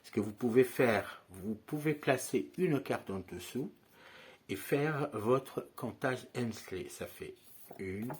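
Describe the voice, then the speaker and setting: A man's voice: mid-range voice, animated, takes it slowly. A man teaching a card trick step by step, in a chatty manner and often checking in with his listeners. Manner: conversational, frequent tag questions and fillers.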